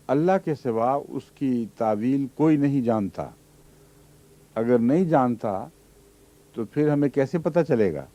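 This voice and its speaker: A man's voice: mid-range voice, dark tone. A man giving a Quran commentary lesson, reciting Arabic verses and then explaining them patiently. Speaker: Quran teacher. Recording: dull lo-fi archive recording.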